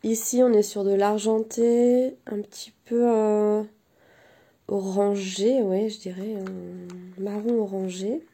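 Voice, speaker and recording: A woman's voice: mid-range voice, fairly even intonation, takes it slowly, dark tone. A woman and mother chatting casually in a crafting haul video, hesitant and full of fillers as she goes. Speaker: crafting vlogger.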